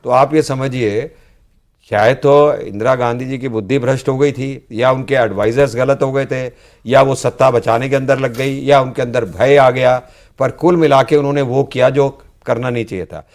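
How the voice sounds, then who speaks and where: A man's voice: mid-range voice, fairly even intonation, moderate pace. An older man, a senior politician, earnestly explaining past events in a studio discussion in speech. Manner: earnest, explanatory, frequently ends with "जी". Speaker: political guest, former student leader.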